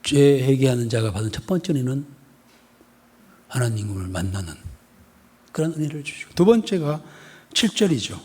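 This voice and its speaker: At a normal speed with frequent pauses, a local male pastor with a husky mid-range voice gives an expository sermon in a long-reverb church sanctuary. He animatedly asks the congregation rhetorical questions over and over and acts out scenes, including a scolding mother.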